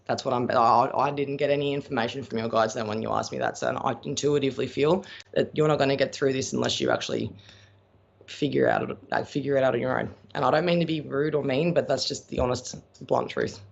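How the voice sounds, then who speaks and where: An Australian psychic medium gives readings on a live stream, bluntly and chattily answering viewer questions and calling people pet names. His mid-range voice is expressive, brisk and creaky. The stream audio is dull and lo-fi.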